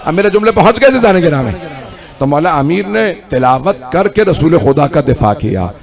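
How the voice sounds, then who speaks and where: A man preaching a sermon to a large gathering, building to shouted climaxes and pleading with the listeners for attention. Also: fairly high pitch, big pitch swings, normal speed, creaky. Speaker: Shia cleric giving a majlis sermon. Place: large hall before a crowd.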